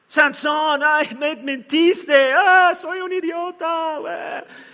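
A man's voice: very high-pitched, little pitch movement, drawn-out words, pushed and bright, in a large hall, voice pushed up, heavily acted. A man with a Mexican accent voicing a whiny, wheedling young woman in a sermon. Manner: pleading, mock-tearful, sugary.

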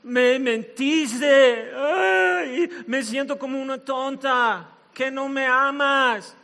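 A man's voice: very high-pitched, extremely slow, vocal fry, pushed and bright, big-room sound, voice pushed up, heavily acted. A man with a Mexican accent voicing a whiny, wheedling young woman in a sermon. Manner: pleading, mock-tearful, sugary.

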